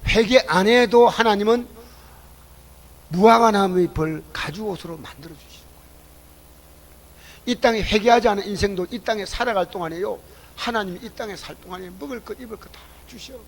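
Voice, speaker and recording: A man preaching a sermon at a church service. He questions the congregation and swings between loud exclamations and low asides. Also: fairly quick, pauses often, rough recording. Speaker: pastor.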